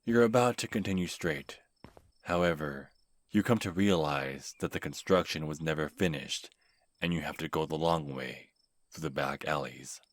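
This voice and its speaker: A man telling a scripted second-person horror story in a calm, measured way. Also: a bass voice, no room sound. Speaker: narrator and channel host.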